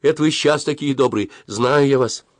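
A man's voice: mid-range voice, fairly quick, dry recording, clean studio sound, pitched above the performer's own voice, lightly acted. A man reading a story aloud and voicing a flustered, tearful young mother who pleads in a raised voice. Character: anxious tearful mother, woman in her thirties.

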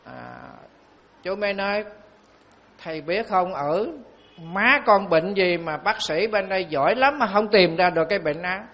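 Monk telling stories. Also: male voice, high-pitched, fairly bright tone. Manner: storytelling, slow and emphatic on key phrases. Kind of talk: sermon.

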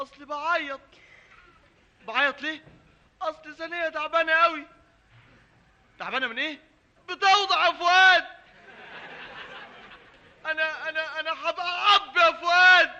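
An actor playing a lazy, greedy husband in a vintage radio comedy sketch, speaking with an Egyptian accent in a sly, joking way. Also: male voice, very high-pitched, bright, forceful tone, lo-fi sound, slight background noise, heavily acted. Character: lazy, greedy husband always chasing free meals.

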